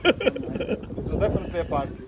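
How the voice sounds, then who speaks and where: A man's voice: sits high, sing-song, a little fast. A man from Bosnia with a Bosnian accent, chatting bluntly and jokingly in broken English as a local friend. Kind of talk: casual chat. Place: outdoors on city streets. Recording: noisy street recording.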